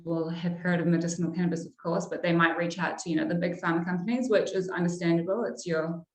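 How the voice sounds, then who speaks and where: A young adult woman from Iraq, a pharmacist turned sales manager, talks through her work in a friendly, casual way, often pausing on ums. Her voice sits slightly low for a woman, and the room gives it a noticeable echo. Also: fairly even intonation, faint music behind. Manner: friendly, chatty, frequent ums. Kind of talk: casual interview answers. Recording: roomy echo.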